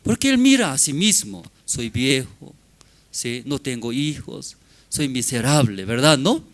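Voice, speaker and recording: Slow emphatic preaching man. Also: mid-range voice, sing-song. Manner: emphatic, broken grammar, rhetorical questions. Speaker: pastor. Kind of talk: sermon.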